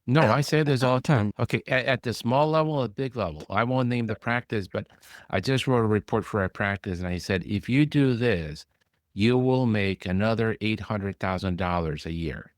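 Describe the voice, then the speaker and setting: A man who is a physician hosting a podcast, talking bluntly in casual conversation and mimicking others in a high whine. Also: normal speed, no echo, studio quality.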